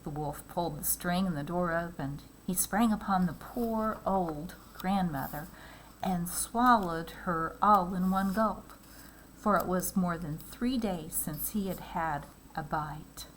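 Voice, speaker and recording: A woman teacher reads a fairy tale aloud to her class in a slow, even, measured way. Her voice sits fairly low, and her words come out calm and clear. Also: a little hiss or hum, rough recording. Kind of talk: read-aloud storytelling.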